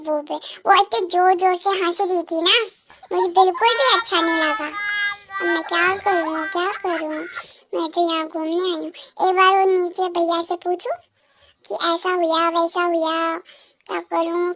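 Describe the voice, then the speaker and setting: A woman's voice: extremely high pitch, a bit bright, dry recording, studio quality. A woman voicing a sulky young wife in a comedic dub, grumbling to herself.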